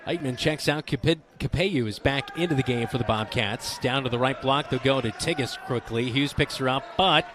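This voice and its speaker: A man doing play-by-play commentary on a high school basketball game, brisk and excitable, with joking banter. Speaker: play-by-play announcer. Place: high school gym broadcast. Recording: broadcast with loud gym noise behind.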